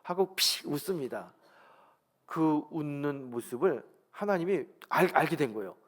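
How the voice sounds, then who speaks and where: Korean pastor preaching with dramatic quotes. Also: male voice, on the high side, measured pace. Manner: storytelling, acts out God's words in lively quoted speech; addresses congregation directly with rhetorical questions. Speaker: senior pastor. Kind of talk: Sunday sermon. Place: church sanctuary.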